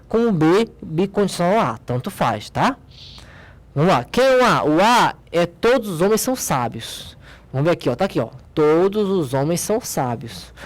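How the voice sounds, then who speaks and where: A Brazilian woman teaching logic, who works through the exercises step by step, pointing things out and asking her own questions before answering them. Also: on the low side. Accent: Brazilian Portuguese. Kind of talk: recorded logic lesson.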